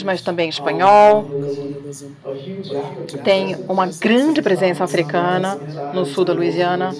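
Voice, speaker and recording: A woman giving an academic talk at a panel, speaking in a measured way and pausing often with fillers. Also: fairly low pitch.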